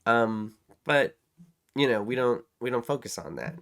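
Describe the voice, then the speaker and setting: Easy and loose, a man riffing and teasing himself; let the ends of thoughts drop off quietly. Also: medium pitch, expressive, unhurried, creaky. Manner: rambling, self-mocking, trails off quietly. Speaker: podcast co-host. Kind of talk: casual political chat.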